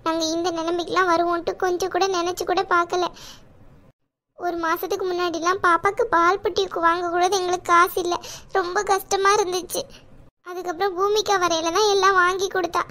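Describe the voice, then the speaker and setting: A woman's voice: very high voice, flat delivery, a little fast, sharp tone. A woman voicing a timid young married woman in a cartoon, tearful, pleading and apologetic. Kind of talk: cartoon voice acting.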